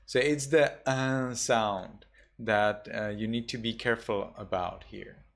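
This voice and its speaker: A man, a Buddhist monk, teaching a class, going slowly through pronunciation rules and carefully repeating each example word. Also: mid-range voice, fairly even intonation, vocal fry, a bit bright. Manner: slow, patient, repeats example words carefully. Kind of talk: online class instruction.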